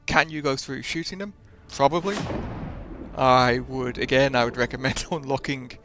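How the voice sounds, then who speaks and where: A man's voice: mid-range voice, fairly even intonation, normal speed, music in the background. A man hosting a gaming video with casual commentary, often hesitating and correcting himself as he explains.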